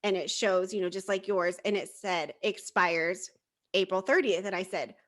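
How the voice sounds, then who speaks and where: A woman co-hosting a casual fan podcast, chatting and telling stories with animated quoted voices. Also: mid-range voice, moderate pace. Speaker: podcast co-host. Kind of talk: casual chat.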